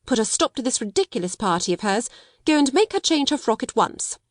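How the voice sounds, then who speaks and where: A woman's voice: fairly high pitch, very animated, fairly quick, no room sound, pitched above the performer's own voice. Storybook villain: cold, domineering headmistress, fierce and biting, played by a female narrator, recorded close and dry. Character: stern, bitter, domineering schoolmistress, cold older sister.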